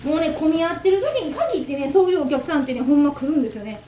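With a high-pitched voice and a very fast delivery, a Kansai-accented takoyaki shop owner rants animatedly and with exasperation while telling a story on her radio talk show. There's a little hiss or hum plus a roomy echo. In the background, takoyaki sizzle faintly on the grill.

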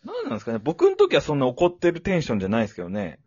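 Laid-back man, lively voice. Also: a little high, racing, husky, no room sound. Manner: easygoing, laughs often. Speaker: co-host. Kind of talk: casual podcast chat. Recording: slightly muffled lo-fi audio.

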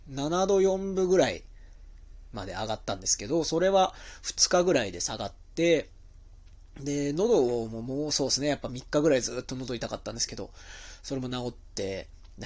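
A man's voice: medium pitch, breathy edge. A man hosting his own talk show as a pro wrestler, rambling casually on his own with a slightly stuffy, nasal voice from being ill. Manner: chatty, rambling, with many fillers. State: stuffy nose, a bit nasal while recovering from illness. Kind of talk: casual solo monologue.

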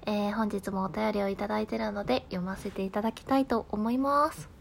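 A woman with a Kansai accent hosting a solo talk show, reading listener letters in a calm manner and laughing at herself. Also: mid-range voice, a little fast, vocal fry, slight background noise.

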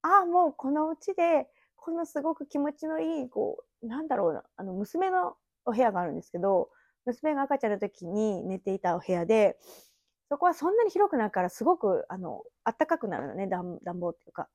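In a dry recording made on a phone app mic in an empty house, a woman in her thirties chats through memories for her solo podcast, laughing softly now and then. Her voice leans high and sing-song, a little fast and a little mellow.

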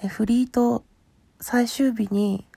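A woman with a husky, rough morning voice, hoarse from sleep, chatting casually and politely as a podcast host replying to listener letters, often trailing into soft murmurs. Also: on the high side, steady tone, slow pace, no room sound. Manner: polite, appreciative. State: hoarse from having just woken up.

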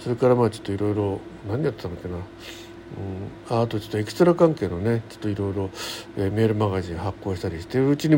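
A lowish, warm voice belongs to a middle-aged man hosting a solo radio program. He chats casually and folksily in colloquial language, rambling through stories from daily life, with faint background noise in the recording.

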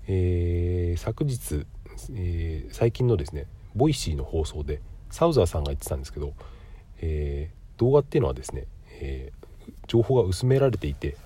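The speaker is a middle-aged podcast host whose cold makes his low, mellow voice nasal and stuffy, with a breathy edge. Speaking at a normal pace with wide pitch swings, he explains things politely in a casual monologue peppered with filler pauses.

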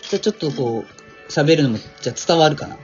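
A man from Kumamoto with a Kumamoto accent, co-hosting a casual radio chat, laughing and teasing back quickly. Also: fairly high pitch, expressive. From Kumamoto, Japan. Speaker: radio co-host. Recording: dull lo-fi with faint music.

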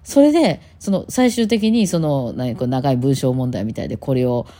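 A woman's voice: a bass voice, normal speed. Rambling woman with a Kansai lilt. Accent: Kansai Japanese. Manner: rambling and animated, lots of fillers. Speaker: musician and podcast host. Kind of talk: casual solo talk.

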